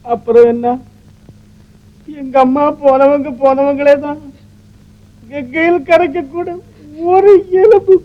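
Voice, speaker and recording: Weepy young doctor from an old 50s melodrama, high voice, choked up. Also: male voice, fairly even intonation, slow, long pauses, dull audio. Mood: grieving. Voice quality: choked, tearful delivery. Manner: emotional, theatrical storytelling. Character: young male doctor, grieving and tearful. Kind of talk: 1950s film melodrama acting.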